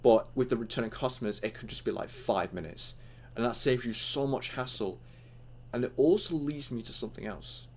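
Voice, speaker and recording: A man's voice: mid-range voice, fairly quick, creaky, darkish tone, a little hiss or hum. A young man with hiccups giving a casual, rambling online tutorial, full of fillers and acted-out chat lines.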